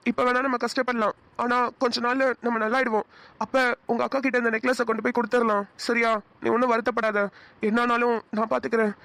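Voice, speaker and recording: A protective young village husband from a cartoon, as a voice actor plays him, talking fast. He coaxes and reassures in a middle-pitched voice, recorded close and dry with no room sound. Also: creaky, fairly bright tone, no echo. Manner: coaxing, reassuring, rustic address. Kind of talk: cartoon voice acting.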